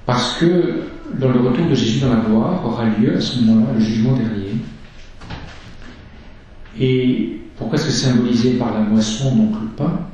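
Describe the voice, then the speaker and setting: A man's voice: medium pitch, mellow, distant mic, slight background noise. Man preaching in an echoey church. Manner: slow, measured teaching with scripture reading. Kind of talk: sermon.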